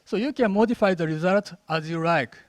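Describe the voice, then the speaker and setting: A man with a Japanese accent giving a rushed, animated lightning talk with a live demo at a conference. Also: high-pitched, no room sound. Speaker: conference speaker. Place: conference stage.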